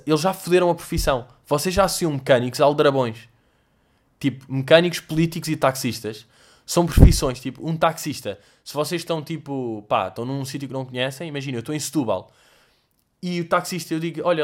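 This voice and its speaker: A young man from Portugal with a European Portuguese accent, telling stories in a casual, comedic, profanity-heavy vlog monologue. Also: a little high. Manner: swears a lot, animated storytelling with mock voices and sound effects. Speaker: host answering viewer questions.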